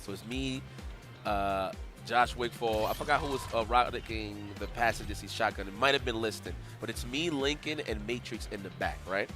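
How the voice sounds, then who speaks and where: A man's voice: on the low side, normal speed, music in the background. A man commentating a fighting game tournament in casual chat, telling stories with slangy, laughing delivery. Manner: animated storytelling, laughing, slangy.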